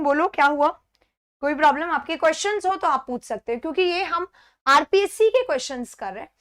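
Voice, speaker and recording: Woman, high-pitched, live online lesson, step-by-step explaining, slow repeated pronunciations. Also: fairly bright tone. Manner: explains step by step, often checks in with "theek hai"; repeats words slowly to model pronunciation. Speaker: English exam teacher.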